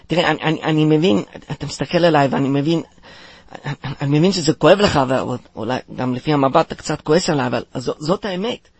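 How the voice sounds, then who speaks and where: A man playing a nervous young man in a comedy sketch who keeps stammering and apologizing. His voice sits a bit high with a husky grain. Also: a little mellow, no echo. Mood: hesitant. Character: hesitant young man denying he is the son.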